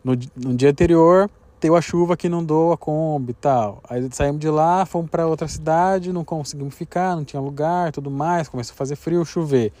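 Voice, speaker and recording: A Brazilian man talks fast in a fairly high voice, explaining himself quickly and a bit defensively as he tells the story alongside his partner. The sound is close and dry. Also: warm tone, dry recording. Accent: Brazilian Portuguese. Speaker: travel vlogger, her partner. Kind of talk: casual storytelling.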